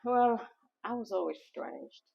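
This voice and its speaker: Gravelly-voiced woman from Haiti. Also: medium pitch, expressive, a little slow. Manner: reflective, storytelling with frequent fillers. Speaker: guest, memoir author. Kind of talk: casual interview conversation. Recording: dull lo-fi recording.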